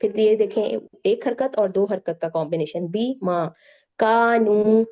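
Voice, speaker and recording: A woman teaching a Quran recitation class, patiently sounding out syllables slowly one by one and checking in with her students. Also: medium pitch, dark tone. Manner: slow, drawn-out syllable-by-syllable demonstration; patient, repeats "theek hai" to check in.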